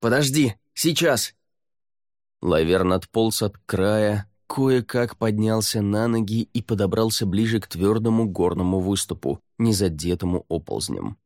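A man reads audiobook narration in a very low, steady, measured voice. The sound is close and dry, with no room around it. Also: dry recording. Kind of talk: scripted narration.

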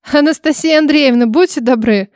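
A woman's voice: high-pitched, moderate pace, darkish tone, no room sound, studio quality, lightly acted. A woman voicing a frightened young woman heroine who whines and snaps back through tears. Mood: distressed snappy. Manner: whiny, snappish, tearful.

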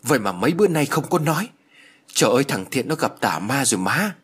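A man voicing a blunt young woman who exclaims in rapid bursts in an audio story. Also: medium pitch, expressive, breathy edge. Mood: agitated.

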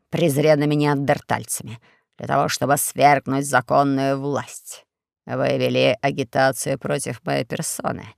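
A reader voicing a pompous, scheming underground dictator who makes slow, self-important proclamations in an audiobook. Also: medium pitch, vocal fry, no room sound, studio quality, pitched below the performer's own voice. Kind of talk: audiobook character voice.

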